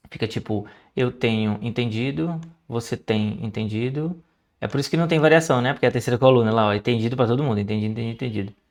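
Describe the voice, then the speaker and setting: A man with a Brazilian Portuguese accent, chatting through his language study notes in a casual, explanatory way. He slows down to sound out foreign words and keeps checking in with "right?". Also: mid-range voice.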